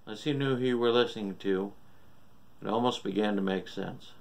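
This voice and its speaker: A man's voice: on the low side, fairly quick, gravelly. A man reading a scripted horror story as its narrator.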